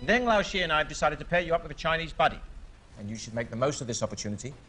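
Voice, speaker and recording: An actor with an English accent playing a brisk, teasing maths team leader who bosses his students around. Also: fairly high pitch, bright, forceful tone, soft background music. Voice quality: hearty, teasing, bossy. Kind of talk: film dialogue. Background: film score.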